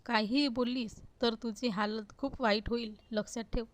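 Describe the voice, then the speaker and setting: A woman's voice: on the high side, fairly even intonation, moderate pace, natural voice. A woman reading the lines of a cruel, arrogant young husband who talks scornfully and gives orders. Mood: commanding. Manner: scornful, commanding.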